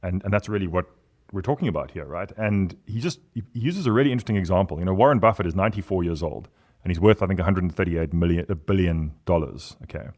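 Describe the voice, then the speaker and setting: A man in his forties talks as a guest on a casual podcast. His voice sits fairly low, yet it leaps up and down as he presses his points with emphatic, animated energy. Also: fast. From South Africa. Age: 40s. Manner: animated and emphatic, big pitch swings.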